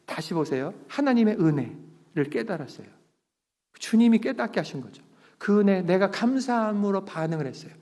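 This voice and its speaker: A man's voice: sits high, a little mellow. A middle-aged man preaching a sermon as pastor, earnest and emphatic, drawing the congregation into call-and-response. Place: church sanctuary. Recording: long reverb of a church sanctuary.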